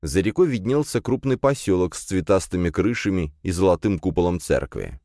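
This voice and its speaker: A man reading an audiobook with steady storytelling narration. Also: sits low, a little fast, no room sound, clean studio sound.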